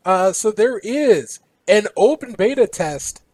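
A man's voice: high voice, expressive, takes it slowly, darkish tone, no echo, low-quality recording. A man co-hosting a casual gaming news show, running through a schedule playfully with a few fillers. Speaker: co-host. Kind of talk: casual esports news chat.

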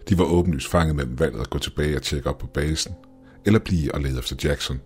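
Male horror narrator; extremely low, breathy, measured and ominous. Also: a little mellow, soft background music. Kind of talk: scripted horror story narration.

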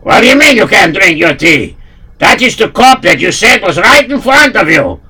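A man storyteller voicing a blunt, gullible male henchman who is loud and brash. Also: high voice, big pitch swings, moderate pace, pitched above the performer's own voice, exaggerated voice. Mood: indignant. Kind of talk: storytelling with put-on voices.

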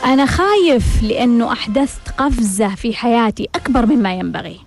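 A woman's voice: a little high, animated, a little fast, over music. A woman hosting a self-help radio talk, asking rhetorical questions and repeating them for emphasis. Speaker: radio host.

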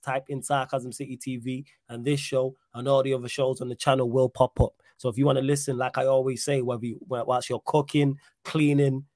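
A man's voice: mid-range voice, no echo. Give this man a London roadman accent and plenty of street slang. He hosts a live football podcast in a casual, chatty way. The sound is dry, with very little room on it. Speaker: podcast host.

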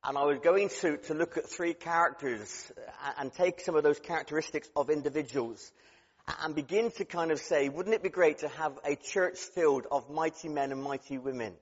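A middle-aged man with a strong West Country accent delivers a sermon in a church, his voice sitting a little high for a man. He talks in a chatty, joking way and often stumbles and restarts his words. The sound is slightly dull and carries a long hall reverb. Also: moderate pace. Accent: West Country English. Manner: chatty and humorous, with frequent stammered restarts. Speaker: guest preacher.

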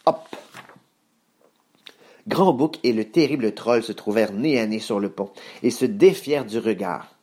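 A man reading a children's story aloud, expressive, voicing sound effects. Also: fairly low pitch, normal speed, few pauses.

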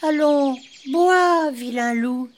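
Marlaguette, a high little girl voiced by a narrator. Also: slow, a little hiss or hum. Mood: tender. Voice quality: high childish sing-song voice. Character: spirited little girl, kind but cheeky.

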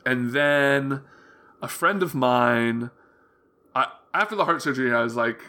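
A young man with prominent vocal fry talking openly in a casual interview, earnest and rambling, often backtracking as he tells his story. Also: mid-range voice, measured pace, bright, forceful tone. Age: young adult. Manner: hesitant, rambling, self-correcting storytelling; open, earnest. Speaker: interview guest.

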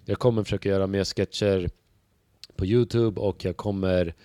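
A lower-pitched man, a stand-up comedian, talks casually as a podcast guest. He tells stories with animated energy and acts out the people in them, and he swears freely between filler words. His voice sounds dry and close. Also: no room sound. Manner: animated storyteller, acts out other people's lines.

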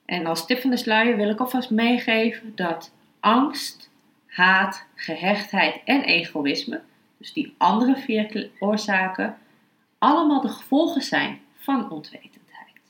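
A woman speaking as a meditation and philosophy teacher, calm, unhurried and instructive. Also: medium pitch. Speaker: yoga philosophy and meditation teacher, podcast host. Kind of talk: spoken lesson, then slow guided meditation. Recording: roomy, echoing sound.

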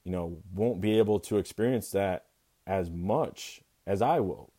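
A young man, an expectant father, speaking as an interview guest in a candid, reflective way, often halting and restarting his sentences. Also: low voice, dark tone, slightly rough. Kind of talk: candid personal conversation.

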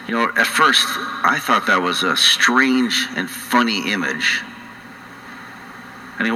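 North Dakota priest in an echoing church. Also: male voice, medium pitch, sharp tone, a little hiss or hum. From North Dakota, United States. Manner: conversational, halting, with frequent pauses. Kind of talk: homily to a congregation. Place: large church indoors. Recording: echoey church with long reverb.

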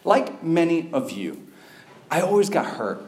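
A lively man in his thirties with a high voice tells a comic story to a big crowd. He is animated, jumps into loud acted quotes and chuckles along. His voice rings around a roomy hall. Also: a little slow. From Cuban family, raised in the US. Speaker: youth event speaker. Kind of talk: comedic storytelling to a live crowd.

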